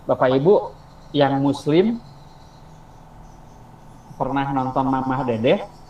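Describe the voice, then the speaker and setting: A man's voice: medium pitch, slow, dull audio. A man teaching an online teacher-training class, explaining step by step and asking the class questions. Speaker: instructor. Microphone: video call. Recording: roomy, distant mic, faint insect noise.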